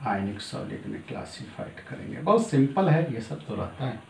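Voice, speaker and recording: A man's voice: mid-range voice, sing-song, normal speed, vocal fry, slight background noise. A middle-aged man teaching a chemistry class, chatty, repeating each term and calling his students sir. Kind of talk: classroom lecture. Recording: echoey room, voice from a distance.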